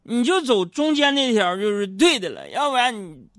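A man's voice: very high voice, big pitch swings, normal speed, very noisy, voice pushed up. A man voicing a tipsy middle-aged drinking buddy with a Northeastern Mandarin accent, giving slurred, know-it-all advice. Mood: insistent.

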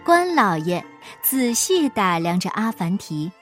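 A woman storyteller reading a folk tale aloud in an expressive storybook style. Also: mid-range voice, slow, soft background music.

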